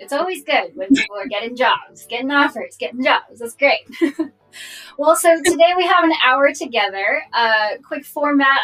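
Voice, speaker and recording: A young adult woman hosting a casual live-streamed interview, chatty with many fillers, heard through low-quality stream audio. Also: a bit bright. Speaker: host. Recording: distant low-quality stream mic, faint music.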